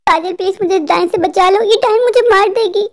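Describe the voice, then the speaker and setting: A woman's voice: very high-pitched, fairly quick. A woman voicing a frightened, complaining husband in a cartoon, talking in a fretful, panicky way. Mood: anxious. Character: frightened, whiny adult husband, mall owner. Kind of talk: cartoon voice acting.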